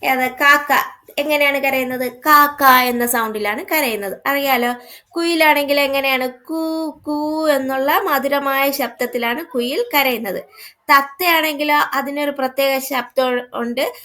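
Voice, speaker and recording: A woman, speaking in a fairly high voice as she teaches a first-grade workbook lesson. She goes through it patiently, asking questions and then answering them herself. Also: a little slow, bright, forceful tone.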